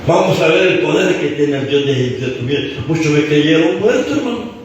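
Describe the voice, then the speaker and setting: A man's voice: on the high side, animated, moderate pace, slight background noise. A man preaching a sermon as pastor, impassioned, often calling out to his listeners and stumbling over restarts. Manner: impassioned, repeatedly addressing "hermano", stumbling restarts. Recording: very echoey room, mic far off.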